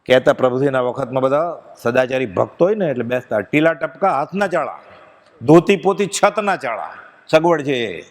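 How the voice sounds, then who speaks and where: A man giving a devotional discourse to a gathering, telling stories with feeling and reciting verses slowly. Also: medium pitch, animated. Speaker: spiritual discourse speaker. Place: pilgrimage satsang gathering. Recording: long hall reverb.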